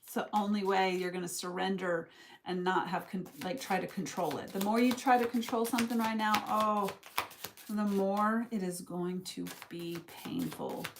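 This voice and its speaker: Young woman, tarot reader on a live stream; unhurried, meandering, chatty delivery, mid-range voice. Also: mid-range voice, expressive, noisy background. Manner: rambling, reflective, loose and chatty. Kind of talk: casual live tarot reading.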